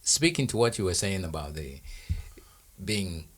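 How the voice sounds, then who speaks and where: Deep husky man, animated. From Zimbabwe. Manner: animated and enthusiastic, quick to agree. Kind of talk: casual podcast conversation.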